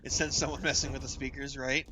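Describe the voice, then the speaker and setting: A man's voice: medium pitch, little pitch movement, fast talker, noisy background. A man streaming casual game commentary, rambling through weapon stats and chuckling at himself. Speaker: streamer and tournament caster.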